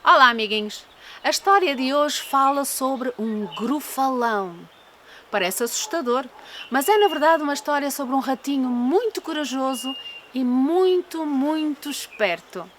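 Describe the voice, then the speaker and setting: A woman with a European Portuguese accent, a children's storyteller giving a sing-song welcome to young listeners in an expressive read-aloud style. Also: high-pitched, unhurried, slight background noise.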